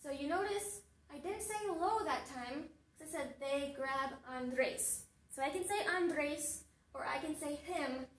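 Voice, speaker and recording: A woman teacher telling a story to her class, asking them slow, deliberate questions and repeating each sentence. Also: high voice, fairly bright tone, far from the mic. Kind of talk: story-based language lesson. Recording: roomy echo, voice off-mic.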